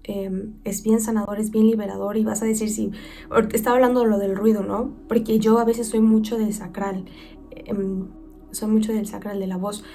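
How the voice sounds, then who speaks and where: A woman's voice: medium pitch, flat delivery, moderate pace, gravelly. A young woman with a Mexican accent hosting a casual self-care podcast, talking like a chatty friend who acts out quoted voices. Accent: Mexican Spanish. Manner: chatty, warm-hearted advice with playful quoted voices. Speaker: podcast host.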